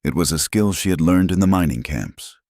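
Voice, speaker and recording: Very deep male audiobook narrator. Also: animated, darkish tone, dry recording, clean studio sound. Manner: measured, dramatic.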